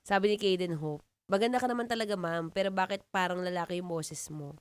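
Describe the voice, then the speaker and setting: Deep-voiced young Filipino woman radio DJ. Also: fairly quick, smooth, dry recording. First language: Tagalog. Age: 20s. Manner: playful, teasing, laughs often. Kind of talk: live radio chat reading comments. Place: radio studio.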